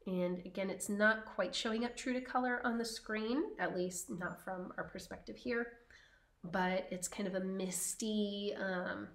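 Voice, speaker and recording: A woman co-hosting a podcast, chatting casually and slowly about her knitting with frequent ums. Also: mid-range voice, fairly even intonation, fairly bright tone, roomy sound. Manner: slow, chatty, many ums. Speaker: podcast co-host.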